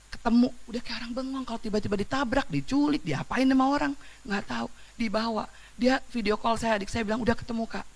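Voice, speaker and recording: A woman preaching a sermon in church, casual and lively, swinging between loud exclamations and quiet storytelling, with slang and questions to the congregation. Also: fairly high pitch, fast talker.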